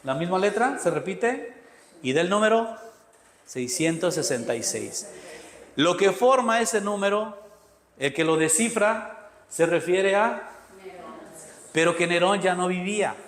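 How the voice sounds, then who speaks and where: A priest leads a Bible class, working through each step patiently and stopping to check that his listeners follow. His voice sits slightly high for a man. The sound rings with the long reverb of a large hall. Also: animated, a little slow, long pauses, fairly bright tone. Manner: explains step by step, counts through numbers, checks in with "ok" and "miren".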